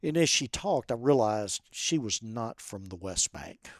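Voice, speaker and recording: A man, a podcast guest, telling a personal story in a soft, halting way with many pauses and fillers. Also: fairly low pitch, big pitch swings, no echo, clean studio sound.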